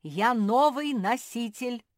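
A woman's voice: expressive, slow pace, no room sound, clean studio sound. A woman doing a pleading pug puppy girl. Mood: proclaiming. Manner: high shouting outbursts.

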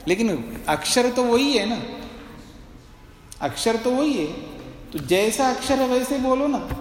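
A man with a high-pitched voice teaches scripture at an unhurried pace. He patiently repeats verses syllable by syllable and keeps checking that his students follow. The recording has a long, roomy hall reverb. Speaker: swami teaching philosophy. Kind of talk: classroom lecture on scripture.

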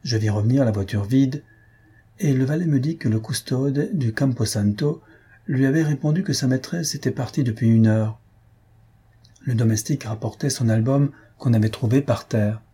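Male audiobook narrator, breathy husky timbre, dark and mellow, steady literary reading. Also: mid-range voice.

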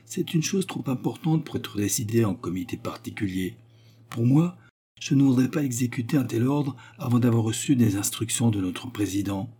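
A man's voice: mid-range voice, animated, normal speed, dark tone, breathy edge. Man playing a fearful deferential conspirator. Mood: cautious. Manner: anxious, deferential. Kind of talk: audiobook character reading.

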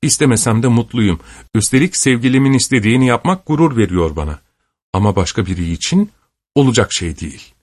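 A man's voice: medium pitch, animated, a little fast, a little mellow, no room sound, lightly acted. In this audiobook, an earnest young woman, voiced by a male reader speaks in a raised, coaxing voice with a touch of a pout. She sounds devoted and pleading. The recording is close and dry. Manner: earnest, coaxing and slightly pouting. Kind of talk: audiobook character reading.

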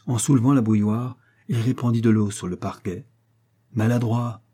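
A man narrating a classic novel as an audiobook, with measured, even reading. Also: on the low side, husky.

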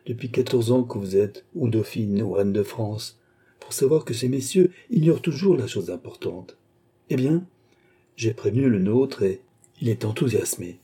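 A man's voice: fairly low pitch, animated, normal speed, mellow, breathy edge. A man reading an audiobook voicing a witty young prince who banters and teases. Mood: bantering.

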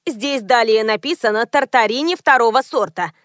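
A woman's voice: on the high side, moderate pace, no echo, studio quality, natural voice. A woman reading aloud and voicing a fussy, talkative elderly woman who likes to show off what she knows. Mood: chatty. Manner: lively and talkative. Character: fussy chatty elderly woman, a know-it-all.

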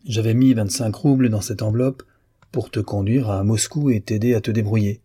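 A man's voice: fairly low pitch, steady tone, moderate pace, mellow, husky, no echo, clean studio sound. A man voicing a wry, teasing male doctor who banters with a clever young man. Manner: bantering, ironic.

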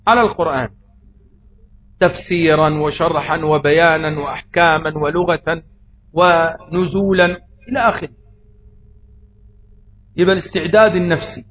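A man's voice: on the high side, steady tone, normal speed, pauses often, fairly bright tone. Egyptian guy preaching, asks questions then answers them, bit muffled, faint hiss. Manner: rhetorical questions answered himself. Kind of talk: religious lesson. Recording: slightly dull audio, faint noise.

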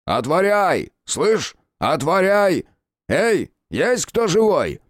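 A man voicing a stocky, irate official in his forties who barks orders in a booming, commanding voice. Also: sing-song, normal speed, dry recording, studio quality.

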